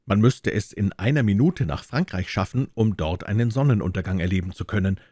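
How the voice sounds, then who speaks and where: Low-voiced man reading a storybook. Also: brisk, warm tone, no room sound, clean studio sound. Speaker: audiobook reader. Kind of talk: scripted storybook narration.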